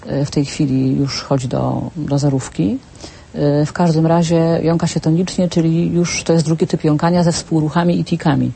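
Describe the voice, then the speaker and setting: A woman speech therapist explains stuttering in calm, clinical terms. Her voice is mellow and a little husky. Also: deep voice. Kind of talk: expert explanation on a talk show.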